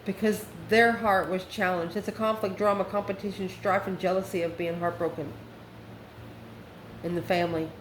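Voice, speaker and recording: Against a roomy echo and faint background noise, a woman with a mid-range voice speaks at normal speed with fairly even intonation. She's giving an improvised online tarot reading that's folksy, colloquial and sassy.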